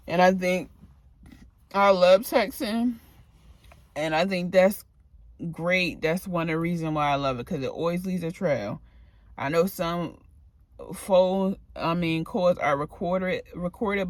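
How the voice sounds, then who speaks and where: A woman vlogger who works as a medical assistant talks casually to camera with advice, rambling and drifting between topics. She sounds tired and a bit out of breath. Her voice is lowish, and the recording is dry.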